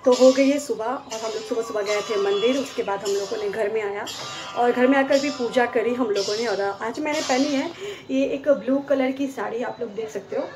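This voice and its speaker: A woman with a Bengali accent vlogging casually at home, talking fast and chatty with many fillers. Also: fairly high pitch, music in the background. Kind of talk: casual vlog to camera. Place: at home, hot room with fan running.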